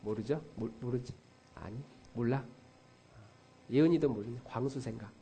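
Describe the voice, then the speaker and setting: A man's voice: medium pitch, moderate pace, a little hiss or hum. A middle-aged male pastor preaching a sermon in a church, telling stories with acted-out quotes and speaking straight to his congregation. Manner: animated storytelling with acted quotes; addresses congregation directly. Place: church sanctuary.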